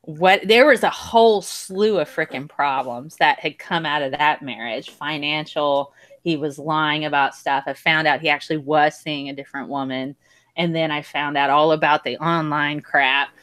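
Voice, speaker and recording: Animated woman telling a story. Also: low-pitched, normal speed. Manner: animated storyteller, laughs often, swears when heated. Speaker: panel guest. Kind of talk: casual group video chat. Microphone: video call.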